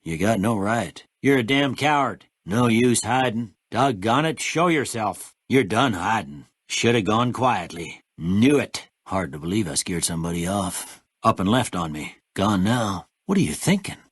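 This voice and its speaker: Doc Mitchell, husky old frontier doctor. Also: male voice, fairly low pitch, expressive, unhurried, few pauses, dry recording. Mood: alarmed, scolding, then grumbling. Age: older. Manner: folksy, plain-spoken drawl. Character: kindly, stubborn old frontier town doctor. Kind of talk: video game character dialogue.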